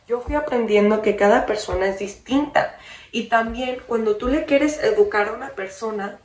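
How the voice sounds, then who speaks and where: A woman's voice: fairly high pitch, a little hiss or hum. A woman hosting her own podcast, talking casually and earnestly to her listeners and slipping between Spanish and English. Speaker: podcast host. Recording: echoey room, rough audio quality.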